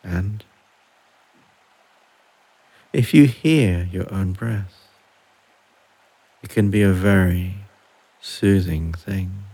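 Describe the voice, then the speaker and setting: A man leads a guided relaxation in a deep, gravelly voice with a breathy edge. He speaks very slowly and softly, leaving long pauses between short phrases. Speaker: meditation guide.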